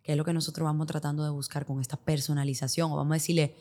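Speaking very fast in a low, dark voice with little pitch movement, a Dominican-accented woman explains concepts as an expert podcast guest. Her interview talk relies on hypothetical examples and weaves English business terms into her Spanish.

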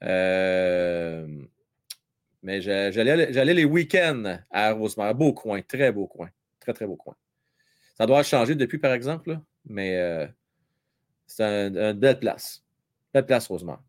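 A man's voice: on the low side, expressive, a little slow, pauses often. A man with a Quebec French accent hosting a live stream, chatting casually with viewers and teasing them, repeating himself with lots of fillers. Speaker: live stream host reading viewer chat during a hockey game. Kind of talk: casual live chat with hockey updates.

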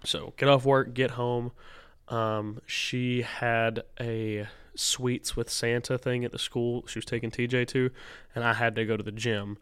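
A man's voice: medium pitch, flat delivery, a little slow, a bit bright, clean tone, no echo, studio quality. A man co-hosting a podcast in casual, slangy chat, stuffed up with a cold and unable to breathe through his nose. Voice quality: congested, blocked-nose sound. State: congested from a lingering cold. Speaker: podcast co-host.

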